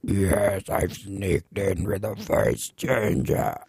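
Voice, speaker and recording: A man co-hosting a comedy podcast, playing Princess Leia in disguise with a deep, pitch-shifted voice changer and a slow, deadpan drawl. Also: gravelly, slightly rough, dry recording, exaggerated voice. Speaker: radio podcast co-host. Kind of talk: comedy radio banter.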